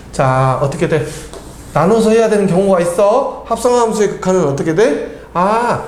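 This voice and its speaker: Man, math tutor, animated tag questions, echoey small room, faint background noise. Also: on the high side. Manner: quizzing with constant tag questions. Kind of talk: tutoring lesson with casual chat.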